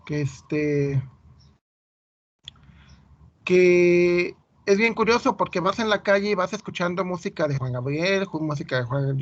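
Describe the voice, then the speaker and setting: A man's voice: fairly high pitch, dull audio. A Mexican man with a Mexican Spanish accent giving an informal math lecture, chatty and full of anecdotes. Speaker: teacher.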